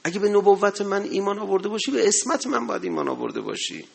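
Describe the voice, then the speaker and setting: A man preaching a sermon to a gathering, impassioned, swinging between loud exhortation and low murmurs. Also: animated, creaky, husky. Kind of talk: religious sermon.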